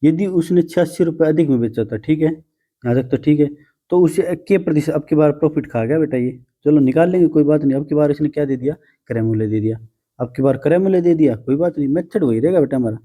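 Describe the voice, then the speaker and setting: Male math teacher, patient and teasing, dark husky tone. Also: on the high side, quick pace. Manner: patient, calls students "beta", teasing. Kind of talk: blackboard math lesson.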